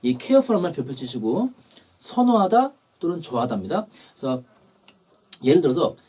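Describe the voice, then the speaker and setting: A man's voice: on the high side, big pitch swings, moderate pace, dark tone, breathy edge. A man teaching an English test prep lecture, explaining grammar and repeating key terms.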